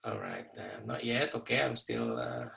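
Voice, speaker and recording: A man teaching a university class over a video call, explaining slowly with many fillers and pauses. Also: mid-range voice, very animated, creaky, a bit bright, low-quality recording. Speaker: university professor. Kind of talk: online lecture with class introductions.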